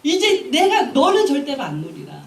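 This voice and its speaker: A grieving old father, anguished and pleading, as a woman preacher voices him in a sermon. His lines come out a little lower than her usual talk, and they ring through an echoey church hall heard from a distance. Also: huge pitch swings, normal speed, exaggerated voice. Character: grieving old father clinging to youngest son.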